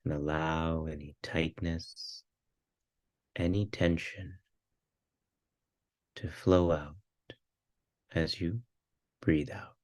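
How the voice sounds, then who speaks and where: Speaking in a low voice, a man leads a meditation at a very slow pace. Each short instruction comes calmly and deliberately, followed by a pause, and the recording sounds dry and intimate with no echo.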